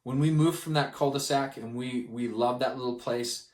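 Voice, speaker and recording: A man from Canada presenting a gospel study lesson, telling a personal story with lively delivery and acting out the people in it. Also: mid-range voice, normal speed, echoey room. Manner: animated, acts out the people in his stories.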